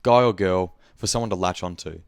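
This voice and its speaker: A man's voice: low-pitched, fairly quick, dry recording, studio quality. A young man with an Australian accent, hosting a podcast in a casual, rambling monologue, speaking frankly and swearing freely. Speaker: podcast host.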